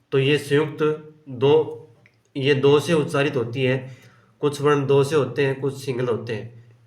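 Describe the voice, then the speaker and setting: A man's voice: medium pitch, echoey room. A man teaching Hindi grammar, going through quiz questions and patiently repeating each answer. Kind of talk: explaining quiz questions on pronunciation.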